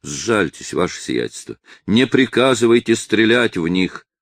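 A man reading aloud as an elderly village headman who begs and commands an angry crowd in turn, his voice raised and urgent. The underlying voice is low, and the audiobook recording is dry and close. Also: big pitch swings, measured pace, dry recording, exaggerated voice. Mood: pleading. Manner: loud impassioned pleading.

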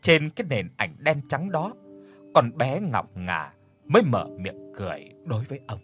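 A man reading a horror story aloud as an audiobook narrator, dramatic, with tense pauses. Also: medium pitch, big pitch swings, a bit bright, soft background music.

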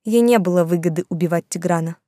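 A woman's voice: fairly low pitch, quick pace, mellow, no echo, studio quality, lightly acted. A woman voicing a curious, thoughtful young wife in an audiobook.

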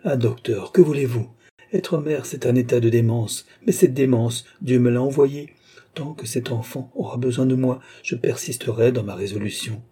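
A man's voice: mid-range voice, normal speed, mellow, husky, natural voice. A man reading aloud gives voice to a proud young noblewoman, pleading and then flaring into commands. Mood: resolute. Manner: pleading, rising to commanding outbursts. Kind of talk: audiobook character reading.

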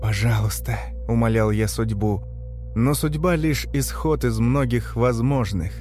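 A man narrating a dark first-person story in a measured, grave, tense manner. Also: medium pitch, soft background music. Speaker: audiobook narrator.

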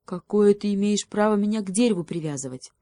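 A woman's voice: mid-range voice, fairly quick, dark tone, no echo, clean studio sound, natural voice. A woman voicing a stubborn young beaver cub who protests indignantly.

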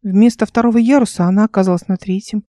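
A woman narrating her own fantasy audiobook in a calm, measured reading. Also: medium pitch, no room sound, studio quality.

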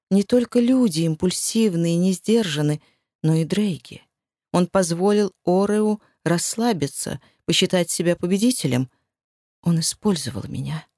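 A woman reading a first-person novel aloud, with an expressive, emotional delivery. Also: medium pitch, no echo, clean studio sound. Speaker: audiobook narrator. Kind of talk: first-person audiobook narration.

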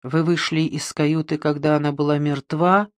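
A reader voicing a calm male police detective who questions softly and persistently in an audiobook. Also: mid-range voice, moderate pace, no room sound, lightly acted. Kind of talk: audiobook reading.

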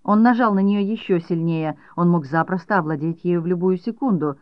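An audiobook narrator reading a novel in a measured, even storytelling manner. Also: mid-range voice, no echo. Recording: dull dry audiobook recording.

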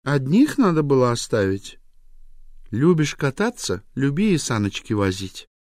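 A sharp-tongued young wife, combative and quick to snap, put on by a male narrator. Her pitch leaps wildly up and down as she taunts. The sound is close and dry. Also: sing-song, no echo. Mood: bickering. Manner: mocking, provocative, quick to snap. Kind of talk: audiobook character voice.

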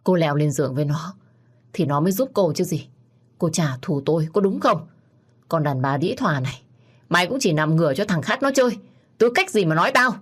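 A woman voicing a drunk, aggressive young man who shouts and taunts. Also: on the low side, fairly quick, lightly acted. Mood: furious.

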